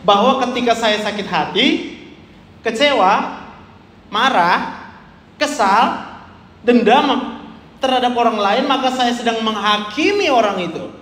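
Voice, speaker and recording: A man preaching a chatty sermon, teasing the congregation and swinging from hushed to loud. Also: high-pitched. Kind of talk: conversational sermon. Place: church hall. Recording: echoey hall with faint room noise.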